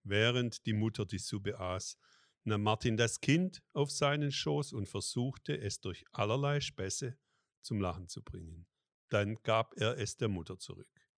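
Ein Mann liest langsam und ruhig eine christliche Adventsgeschichte vor und spricht danach einen Segen. Seine Stimme liegt eher tief und klingt trocken, ohne Raumhall. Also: male voice, lowish voice, gravelly, no room sound, studio quality. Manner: slow, calm, devout. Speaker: story reader and prayer leader.

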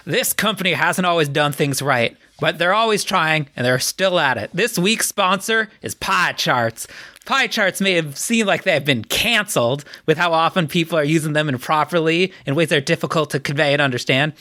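A man's voice: on the high side, bright, forceful tone, no room sound, studio quality. A man doing a solemn forty-something ad announcer. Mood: earnest. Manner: slow, solemn ad-read delivery. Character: earnest middle-aged male sponsor announcer.

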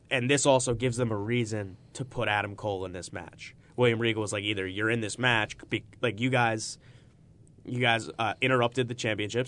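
A man's voice: on the low side, a bit bright. Guy hosting a sports podcast, chatty and emphatic, sounds into it. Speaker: podcast host. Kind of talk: casual sports talk.

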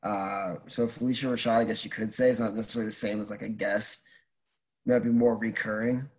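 A man's voice: on the low side, little pitch movement. Man chatting casually as a podcast guest. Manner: halting, thinking aloud, informal. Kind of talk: casual chat.

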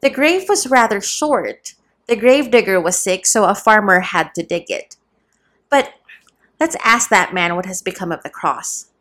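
A woman's voice: mid-range voice, normal speed. A woman reading a novel aloud and voicing an aged, devoted male servant who speaks eagerly. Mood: earnest. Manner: eager, excited.

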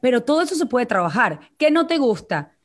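Woman from venezuela coaching on voice, kinda high voice, talks right to the viewers. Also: big pitch swings, a little fast. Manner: coaching tone, addresses listeners directly. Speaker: vocal coach guest. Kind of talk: live online interview.

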